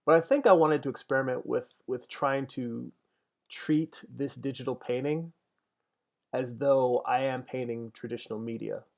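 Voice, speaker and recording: A man's voice: medium pitch, fairly even intonation, normal speed, gravelly. A man in his forties chatting casually as he paints on a livestream, thinking aloud and answering viewer comments. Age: 40s. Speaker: digital painter streaming his work.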